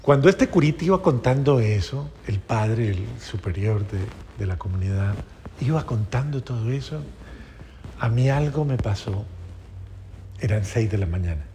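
A man preaching a homily at mass, telling a story that rises to loud emphatic peaks and drops to soft, low phrases. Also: lively intonation, moderate pace, a little hiss or hum. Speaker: priest. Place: church.

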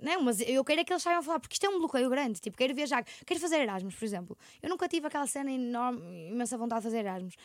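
Young portuguese woman rattling off stories super fast, kinda high voice, dry close mic. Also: expressive, no room sound. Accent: European Portuguese. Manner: rapid, rambling storytelling with frequent laughs. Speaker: podcast co-host. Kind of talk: casual chat.

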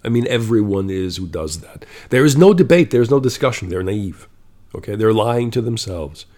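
A man's voice: lowish voice, moderate pace, darkish tone. Blunt, profane man ranting casually. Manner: blunt, profane, exasperated ranting with frequent "okay?" tags. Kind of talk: casual storytelling monologue.

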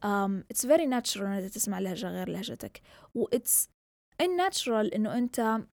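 Chatty and rambling, a young woman from southern Yemen hosts a solo podcast in a mixed Yemeni and Saudi Gulf Arabic accent, slipping between Arabic and English. Her voice is medium-pitched and darkish with vocal fry, lively intonation, and a fairly quick pace. The sound is clean studio audio with no echo.

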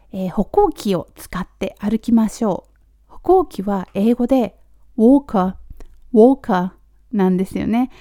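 A Japanese woman giving a casual spoken English lesson, repeating model phrases slowly, with Australian-flavored English. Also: medium pitch, mellow, dry recording, clean studio sound. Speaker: English teacher for nurses.

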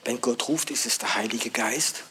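Preacher swinging from hush to urgent calls. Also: male voice, medium pitch, moderate pace, slight background noise. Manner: swings between hushed near-whispers and loud urgent calls; asks the audience questions. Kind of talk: sermon.

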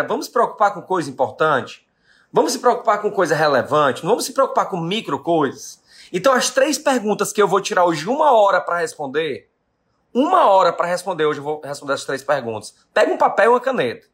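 A man's voice: sits high, very animated, brisk, a bit bright, slightly rough. A man in his late thirties from Brazil, a business owner giving an emphatic motivational talk to his live-stream audience, repeating his key questions. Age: 30s.

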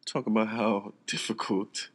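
A man's voice: on the low side, steady tone, measured pace. A young adult man co-hosting a casual podcast, easygoing and agreeable, often chiming in with "right.". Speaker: podcast co-host. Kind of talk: casual chat.

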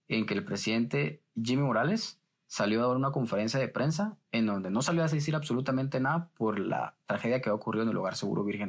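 Man, journalist, interview storytelling, acts out quotes, mid-pitched voice. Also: husky. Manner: lively retelling that acts out quoted exchanges. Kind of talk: telling stories in a casual interview.

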